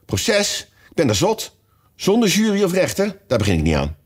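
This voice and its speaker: A man reading a storybook aloud, voicing a touchy little mouse that turns shrill and indignant. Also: wildly swooping pitch, normal speed, exaggerated voice. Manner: shrill and easily offended.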